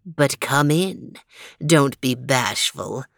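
A woman voicing a sly, gloating male cat who is a criminal mastermind, purring and slow in a storybook reading. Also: very deep voice, expressive, creaky, fairly bright tone, no echo, clean studio sound, pitched below the performer's own voice, heavily acted. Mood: gloating villainy.

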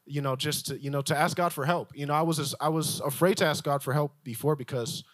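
Young man giving a halting testimony. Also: a little high, steady tone, dry recording. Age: young adult. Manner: halting, many fillers and restarts. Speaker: speaker at young adults testimony night. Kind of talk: personal testimony at church event.

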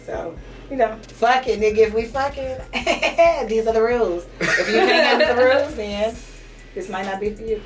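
A woman's voice: fairly high pitch, moderate pace, distant mic, over music. A woman in her late thirties, a podcast guest talking bluntly and frankly, with plenty of swearing. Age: 30s. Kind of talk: casual podcast chat.

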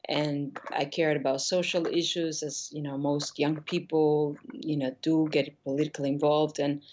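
Being interviewed casually, this middle-aged painter from Argentina talks in a low-pitched, darkish voice captured with lo-fi sound. She comes across as reflective and hesitant, with many restarts.

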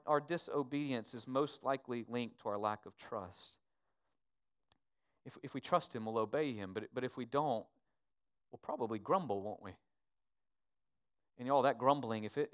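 A man preaching a sermon as pastor, swinging from hushed to emphatic and repeating words as he pleads with the church. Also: on the high side.

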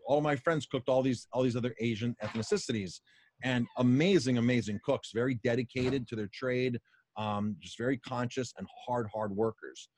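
A middle-aged man with an American accent hosts a casual interview. His voice is medium in pitch and recorded dry, without room sound. He talks effusively and at length. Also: fairly even intonation, normal speed, darkish tone, dry recording. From Colorado, United States. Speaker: interview host.

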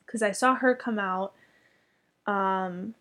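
A woman's voice: medium pitch, fairly even intonation, slow pace, a bit bright. A young woman telling a story in casual chat, chatty and full of fillers, with casual swearing.

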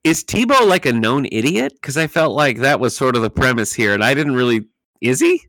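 A relaxed man in a casual podcast conversation, easygoing and often amused. His voice sits at a middle pitch. The recording is dry and close. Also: brisk, no room sound. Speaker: podcast co-host. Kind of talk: casual chat.

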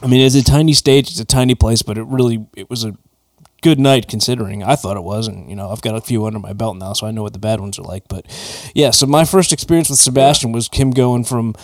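A man's voice: medium pitch, fast talker, dry recording. A man hosting a podcast interview, chatting casually and laughing easily. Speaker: podcast host.

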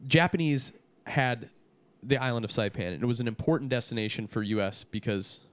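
A man's voice: medium pitch, a little fast, no echo. A man chatting casually on a podcast as a guest, peppering his talk with "dude". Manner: casual, says dude a lot.

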